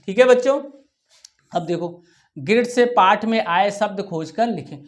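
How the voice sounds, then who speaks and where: A woman teacher giving a workbook lesson to young children, saying each word slowly and then repeating it for the class to echo. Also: medium pitch, expressive. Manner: talks children through writing tasks, often ending with "ठीक है". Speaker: primary school teacher.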